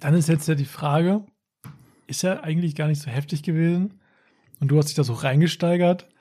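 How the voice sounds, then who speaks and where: A young man hosts a casual chat, reflecting on his guest's story. His voice is somewhat high, husky and mellow. He breaks in often with slangy reactions. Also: fairly even intonation, brisk.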